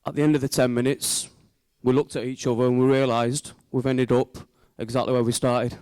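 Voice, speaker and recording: Guy doing a casual wedding speech, bit hesitant but sincere, clean dry sound, clear voice. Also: mid-range voice, flat delivery, a little fast, a little mellow, dry recording. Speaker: groom's brother giving a wedding speech.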